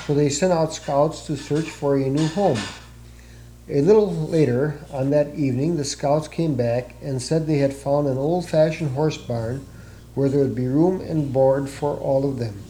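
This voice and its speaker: Mellow-voiced man reading a storybook. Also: a little high, unhurried, a little hiss or hum, low-quality recording.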